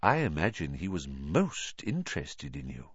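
Dumbledore, a man doing a calm old wizard. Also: very deep voice, breathy edge, no room sound, highs cut off, voice pushed down, exaggerated voice. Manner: calm, measured, gentle. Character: old male wizard headmaster, calm, kindly.

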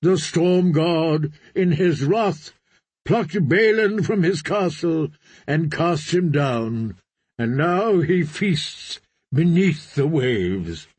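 A man acts out a stern, zealous prophet of a sea god, preaching in a slow, weighty, solemn, measured way. His slightly raised, somewhat mellow voice is husky at the edges and swings widely in pitch as he calls out, expressive and heavily acted. The recording is close and dry.

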